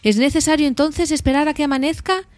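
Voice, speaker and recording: A woman's voice: high voice, fast, a little mellow, dry recording, pitched above the performer's own voice, natural voice. A woman voicing Gandalf, a grave and commanding old wizard, in a dry audiobook reading.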